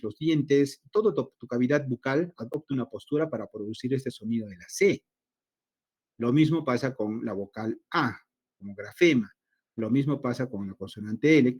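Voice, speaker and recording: A man's voice: medium pitch, darkish tone, slightly rough. Male teacher lecturing on a video call. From Latin America. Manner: explains slowly, asks himself students' questions. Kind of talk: online class lecture.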